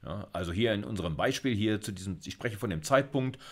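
Animated and brisk, a low-voiced, middle-aged computer science lecturer explains material in an informal university class. He thinks aloud conversationally, quizzing himself and then answering his own questions.

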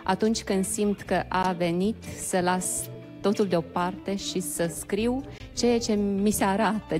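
A woman poet from Moldova speaks slowly and thoughtfully as a TV guest, soft-spoken and reflective. Her pitch is ordinary and middle. Faint music sits behind her. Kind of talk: thoughtful interview answers.

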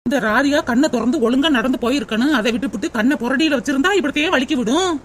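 Woman voicing a high-pitched put-upon daughter-in-law. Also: fast talker, a little hiss or hum, natural voice. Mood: bewildered. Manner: pleading, bewildered. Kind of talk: cartoon voice acting.

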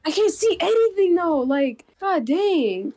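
A woman chatting casually during a game with friends, loud with frequent laughs. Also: extremely high pitch, big pitch swings, unhurried. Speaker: game player. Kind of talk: casual gaming chat.

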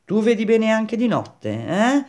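A man's voice: medium pitch, measured pace, a little mellow, close to an everyday voice. A man reading a novel aloud, voicing an aging, blustering male perfumer who mocks and lectures. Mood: scornful. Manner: mocking, bellowing.

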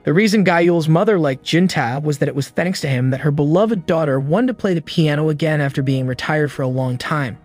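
A man tells a film's story as a scripted voice-over, in an even storytelling delivery. His voice sits a little high for a man. Soft background music plays faintly under his words. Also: fairly quick, hardly any pauses. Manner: steady storytelling recap delivery. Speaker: movie recap narrator. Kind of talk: scripted narration.

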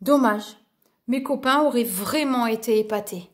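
Woman doing a shy young wolf, high and excitable. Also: unhurried, close to an everyday voice. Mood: wistful. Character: timid young male wolf time traveller.

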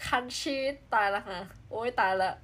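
A woman's voice: slow, fairly bright tone, slight background noise. A woman from southern Thailand chatting casually on a live stream, reading out viewer comments in a playful, exclamation-filled way.

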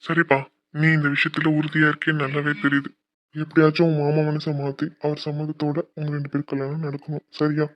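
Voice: medium pitch, completely flat delivery, a little fast, a bit bright, natural voice. A voice actor playing an earnest middle-aged father in a cartoon, lecturing his son about marriage and studies.

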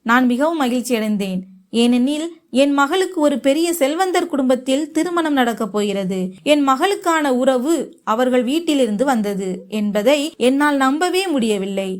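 A woman narrating a first-person family story in a steady read-aloud manner. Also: sits high.

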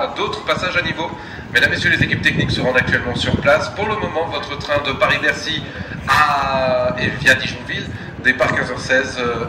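A man making formal, halting live train announcements over a PA system in a railway station. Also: fairly high pitch. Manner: formal, halting, repeats information. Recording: echoey distant station PA, vehicle noise.

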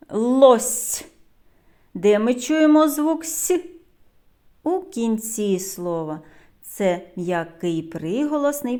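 A woman with a Ukrainian accent, a preschool teacher giving a phonics lesson to young children in a slow, clear, sing-song voice. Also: mid-range voice, a little mellow.

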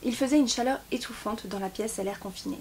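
A woman reading a novel chapter aloud in a steady voice, with small slips and restarts now and then. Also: a little high, fast talker, slight background noise. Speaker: book YouTuber.

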